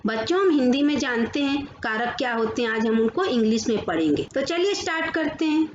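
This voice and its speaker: A woman teaching a grammar lesson to children. She asks questions and answers them herself, and slows down to read out definitions. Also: high voice, lively intonation. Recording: echoey room, dull lo-fi sound with faint noise.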